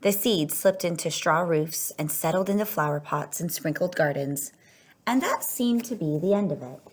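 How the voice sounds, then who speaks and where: A woman with a lowish, expressive voice reads a children's picture book aloud at normal speed. She tells the story with feeling, stretching words out for emphasis.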